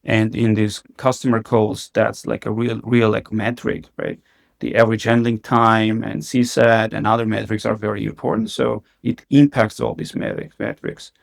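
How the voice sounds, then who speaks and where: A company CEO appears as a podcast guest, talking casually in an interview and packing his sentences with "like" and frequent restarts. His voice is lowish and creaky, level in tone, at a normal speed.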